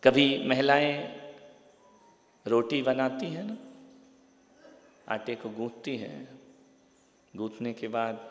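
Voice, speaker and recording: Animated male preacher in a reverberant hall. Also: medium pitch, slow pace, pauses often. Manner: animated, swings from loud to quiet, mimes, jokes. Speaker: Jain preacher. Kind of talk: sermon. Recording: echoey hall with long reverb.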